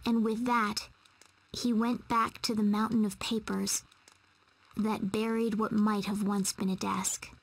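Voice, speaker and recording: A woman reading a story narration in a measured, storytelling voice. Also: medium pitch, flat delivery, gravelly, rough recording.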